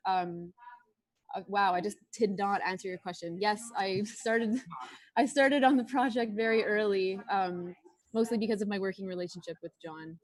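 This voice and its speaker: A woman's voice: mid-range voice, steady tone, normal speed, no room sound, poor audio. Rambling woman on a video call. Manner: rambling, many fillers and restarts. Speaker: crew member on a short film. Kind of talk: festival Q&A answer.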